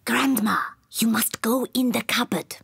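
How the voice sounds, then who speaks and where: An actress voicing a graceful, encouraging schoolteacher in a cartoon, theatrical in manner. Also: female voice, fairly high pitch, very animated, slow pace, husky, dry recording, clean studio sound, heavily acted.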